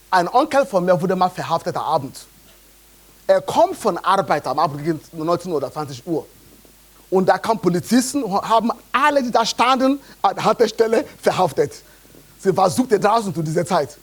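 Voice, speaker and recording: Guy preaching a sermon, high voice that jumps all over, keeps asking the church if they follow. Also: breathy edge. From Nigeria. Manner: animated preaching, often checks in with the congregation. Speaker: pastor.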